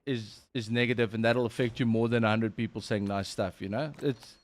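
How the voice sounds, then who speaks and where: A man's voice: mid-range voice, steady tone, brisk. A South African man hosts a live gaming stream. He chats and commentates in a casual, informal way, dropping plenty of slang, with a mid-range voice. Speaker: livestream host and game commentator.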